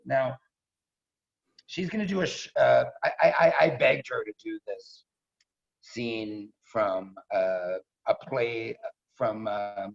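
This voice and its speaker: The audio is a dull video call feed. On it, a middle-aged man with a gravelly, medium-pitched voice hosts a staged reading, casually and effusively presenting the performers and saying things twice to drive them home.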